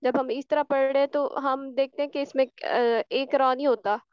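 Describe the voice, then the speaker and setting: A woman's voice: sits high, steady tone, normal speed, no echo, highs cut off. A woman teaching a recitation class online, patiently explaining and repeating sounds for her students. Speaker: tajweed teacher.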